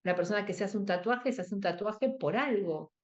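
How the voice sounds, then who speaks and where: A woman with a Rioplatense Spanish accent runs an emotional first aid workshop, speaking briskly at medium pitch. She explains step by step, acts out quoted dialogue, and checks in for her listeners' agreement. The audio is dull.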